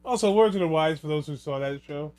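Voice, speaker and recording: Male film commentator: fairly high voice, casual, rambling, joking, music underneath. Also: fast talker, darkish tone. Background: film soundtrack music.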